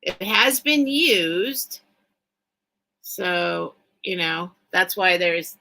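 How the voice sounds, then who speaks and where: Woman host, slow and unhurried, bright tone, chatty, rambling live-sale patter. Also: fairly low pitch, creaky, rough recording. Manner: rambling, thinks aloud, chatty. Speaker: online seller, host of live sales. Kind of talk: casual livestream sales chat.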